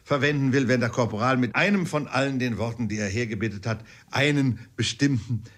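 A man's voice: medium pitch, brisk, fairly bright tone, close to an everyday voice. A man reading an audiobook, voicing a pompous, learned older father who lectures emphatically. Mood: lecturing.

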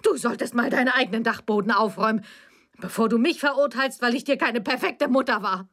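A woman's voice: medium pitch, fairly quick, lightly acted. A bitter older mother, voiced by a woman reading an audiobook, reproachful and cutting, defensive to the core.

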